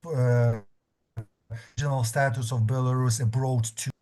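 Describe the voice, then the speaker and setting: A man's voice: medium pitch, little pitch movement, unhurried, mellow. Man on a breaking-up call. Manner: hesitant, many fillers and restarts. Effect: breaking-up video call connection. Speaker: guest researcher. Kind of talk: online Q&A answer.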